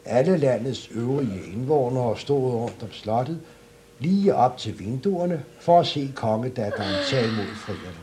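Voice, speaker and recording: A male storyteller reading a fairy tale aloud with animated expression. His voice sits at an ordinary pitch but swings widely, with a faint hiss of noise beneath.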